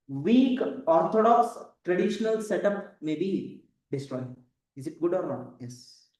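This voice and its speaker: A roomy, slightly distant recording carries a man with an Indian accent and a fairly high voice. He teaches in a classroom lecture style, restating points and tossing out short check questions. His tone is on the mellow side. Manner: didactic, repeats points, frequent check questions like "correct?" and "right?". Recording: roomy echo, voice distant from mic.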